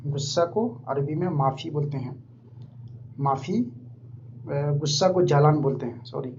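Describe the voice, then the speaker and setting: A man giving an informal vocabulary lesson, repeating each word slowly several times. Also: a little high, darkish tone. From India. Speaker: language teacher. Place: living abroad in Saudi Arabia. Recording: dull lo-fi recording with faint hum.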